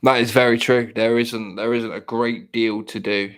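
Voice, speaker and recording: A man's voice: mid-range voice, little pitch movement, moderate pace, fairly bright tone. A man in his thirties chatting casually, rambling and poking fun at himself. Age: 30s. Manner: rambling, self-mocking, restarts often. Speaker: podcast host. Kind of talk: casual chat.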